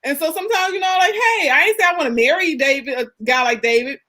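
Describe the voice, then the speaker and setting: A woman co-hosting a casual chat show, animated and emphatic in her arguments. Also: high-pitched, quick pace. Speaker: co-host.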